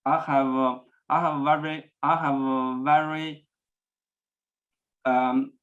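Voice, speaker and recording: At a speech celebration, a medium-pitched man gives a personal talk on stuttering, and his own delivery is slow and flat, full of repetitions and pauses. The audio is dull and lo-fi.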